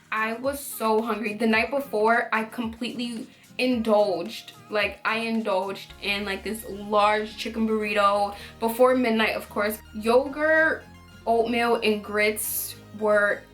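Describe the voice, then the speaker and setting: A young adult woman telling a personal story to viewers in a casual, animated way, with dramatic emphasis and drawn-out words. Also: a little high.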